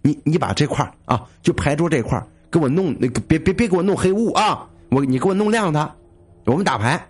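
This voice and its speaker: A man's voice: fairly high pitch, expressive, quick pace, a little mellow, husky, pitched above the performer's own voice. A man voicing a crude male college student who swears freely and bosses people about impatiently. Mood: annoyed grumbling. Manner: swears a lot, bossy and impatient.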